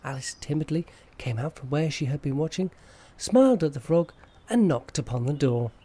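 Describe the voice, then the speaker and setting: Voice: mid-range voice, lively intonation, normal speed, warm tone, slightly rough. A narrator reading a scripted story in an audio adaptation.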